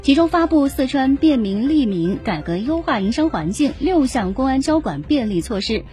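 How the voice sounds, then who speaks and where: Slightly high female radio newsreader. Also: sing-song, normal speed, dark tone, soft background music. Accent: standard Mainland Mandarin. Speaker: radio news presenter. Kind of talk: scripted news reading.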